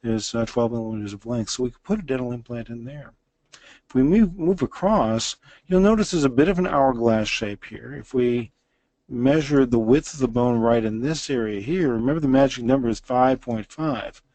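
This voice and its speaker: Guy in his 60s explaining a case slide by slide, dry sound, mid pitch. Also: normal speed, dark tone, no room sound. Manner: explanatory, walks through images step by step. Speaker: dental lecturer. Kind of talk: case presentation lecture.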